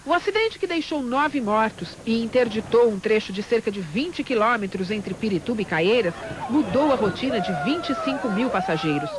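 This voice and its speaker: Brazilian male reporter, animated scripted read, widely varied pitch, clear ambient noise. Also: moderate pace, few pauses. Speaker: news reporter. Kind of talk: scripted news narration. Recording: clear urban background noise.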